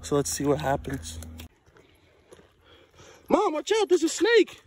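A man's voice: very high voice, wildly swooping pitch, slow, a little hiss or hum. A young man vlogging casually to the camera, slangy and upbeat, with a phone held at arm's length outdoors. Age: young adult. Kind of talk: casual vlog chat. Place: outdoors on mountain trails.

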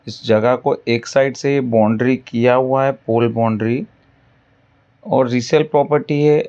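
A male land broker talks over drone footage in a steady middle-pitched voice. His patter circles back again and again to the same selling points. The recording is dull and slightly lo-fi. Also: measured pace. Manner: pitchy, repetitive salesman patter. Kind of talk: property sales voice-over.

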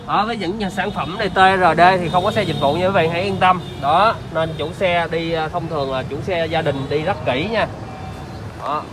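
A man with a southern Vietnamese accent giving an improvised used car salesman's walkaround pitch, repeatedly reassuring the viewers he addresses. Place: outdoor car lot and inside a car. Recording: clear outdoor car lot ambient noise.

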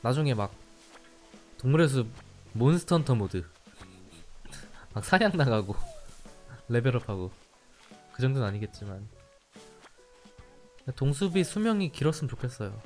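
Guy streamer rambling casually, pitch bouncing all over, soft music underneath. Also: a little slow, long pauses. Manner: chatty and animated, laughing between thoughts. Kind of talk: casual chat.

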